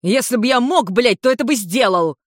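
A storyteller voicing a foul-mouthed, furious male dragon in human form who yells and curses. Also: mid-range voice, animated, brisk, dry recording, clean studio sound, pitched above the performer's own voice, lightly acted. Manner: shouting, cursing.

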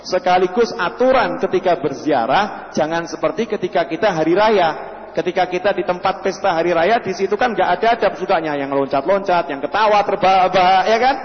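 Man, preacher, high voice, sermon with acted-out stories, dull lo-fi recording, long hall reverb. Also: a little fast. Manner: storytelling preacher, acts out quoted voices, stretches words.

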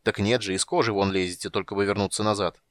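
A man's voice: lowish voice, steady tone, fast, dry recording, lightly acted. A man playing a grumpy reclusive mage. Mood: dismissive. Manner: drawling, grumbling and dismissive. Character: reclusive male mage, dismissive and irritable. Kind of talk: audiobook character voice.

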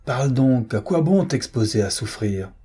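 A man's voice: medium pitch, expressive, moderate pace, dark tone, husky, pitched above the performer's own voice. A man voicing a harsh, commanding marquis. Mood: cold menacing. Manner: harsh, commanding, increasingly frantic. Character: cruel middle-aged male marquis, torturer. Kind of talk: audiobook character reading.

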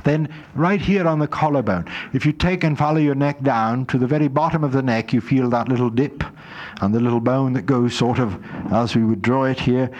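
A man's voice: mid-range voice, brisk, a little mellow, dull audio. A man talking as a spiritual teacher, guiding an exercise in an emphatic, instructive way. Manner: emphatic, instructive, slips into dramatized voices. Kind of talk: guided spiritual exercise talk.

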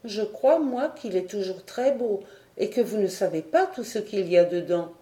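A woman reading a storybook, voicing a naive, gentle young girl close to her own voice. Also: medium pitch, expressive, normal speed, lightly acted. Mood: innocent. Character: simple, candid young girl, painter's daughter. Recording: roomy echo.

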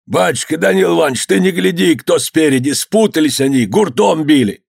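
A man's voice: mid-range voice, very animated, unhurried, dark tone, no room sound, studio quality. A man voicing an anxious male overseer who pleads and strains his voice in an old-time storybook tale. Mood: pleading.

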